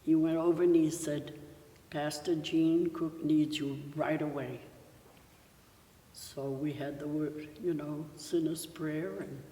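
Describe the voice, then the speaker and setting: An older woman giving a personal testimony at her church, telling her story slowly with many pauses. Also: low-pitched, steady tone, mellow. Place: church sanctuary. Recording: echoey church hall from far off.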